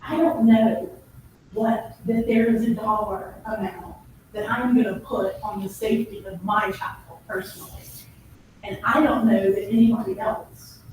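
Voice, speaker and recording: A woman's voice: mid-range voice, steady tone, a little slow, a little mellow. An elected board member and parent speaks at a public meeting, emotional and searching as she weighs a hard decision aloud. Her voice sits in a middle range and comes from a distant mic in a very echoey meeting room with a faint background hum. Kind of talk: heartfelt statement at a public meeting.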